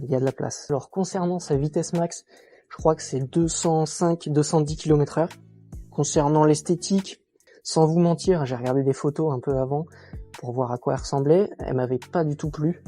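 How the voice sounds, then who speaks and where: Male vlogger, casual walkthrough, mellow warm voice, easygoing and self-mocking. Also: fairly high pitch, fairly quick, faint music behind. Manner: relaxed, chatty, many fillers and self-mocking jokes. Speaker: motorcycle reviewer.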